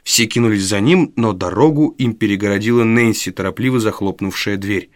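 A man narrating a story in a measured, dramatic storytelling manner. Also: fairly low pitch, dry recording, studio quality. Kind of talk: audiobook narration.

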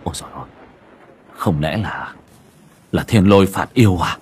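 A man's voice: deep voice, animated, moderate pace, darkish tone, a little hiss or hum, voice pushed down. A man doing an idle young man muttering. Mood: uneasy. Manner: muttering to himself.

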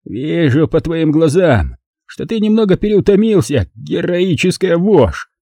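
A man's voice: high-pitched, wildly swooping pitch, measured pace, mellow, husky, no echo, clean studio sound, pitched above the performer's own voice, heavily acted. A male audiobook reader voicing a drunk, bitter man who slurs and sneers sarcastically. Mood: sneering. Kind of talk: audiobook character voice.

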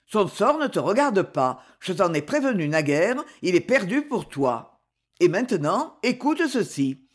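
A man's voice: high voice, big pitch swings, full character voice. A woman reader voicing a cruel, sarcastic aristocratic count who speaks coldly and with menace. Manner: cold, sneering, measured.

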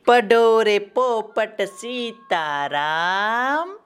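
A man's voice: high voice, lively intonation, very slow, a bit bright, clean tone, soft background music, full character voice. A man voicing a clever, smug male parrot with a chirpy sing-song delivery.

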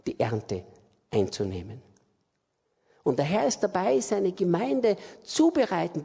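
Husky, gravelly Austrian preacher in a hall. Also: male voice, high-pitched, a little mellow. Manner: emphatic preaching with repetitions. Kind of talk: sermon. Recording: reverberant hall.

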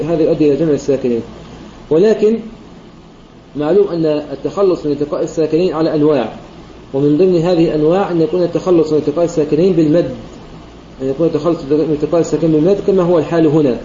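A man explains recitation rules with a rapid, methodical delivery. He repeats phrases and fills pauses with "aah." His voice is deep-toned and mellow, a little raised in pitch, and the recording sounds echoey and muffled, like an online voice-chat room. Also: a little hiss or hum. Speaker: Quran recitation teacher. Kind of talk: religious lesson explaining a classical poem.

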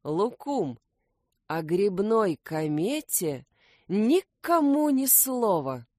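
A woman's voice: mid-range voice, big pitch swings, very slow, warm tone, no room sound, studio quality, exaggerated voice. A woman voicing a cheerful, confident male animal detective.

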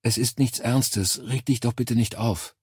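Brief: frail, fretful mother in her eighties, voiced by a male narrator, husky, dry. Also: mid-range voice, fairly even intonation, a little slow, a little mellow, dry recording, voice pushed up. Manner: pleading, soothing.

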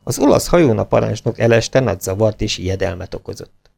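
A man reading a children's storybook aloud, expressive and animated. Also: fairly low pitch, vocal fry. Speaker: audiobook reader. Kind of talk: storybook narration.

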